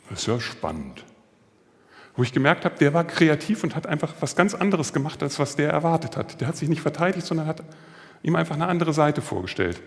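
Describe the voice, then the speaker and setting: Male preacher, mid pitch, casual anecdotal sermon, long church-hall reverb. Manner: storytelling, acting out quoted voices.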